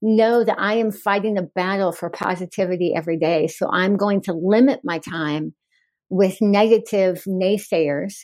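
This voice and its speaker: A woman's voice: mid-range voice, darkish tone, no echo. A woman in her forties, a guest author in a candid podcast interview, talking frankly with wry humor and easy laughter.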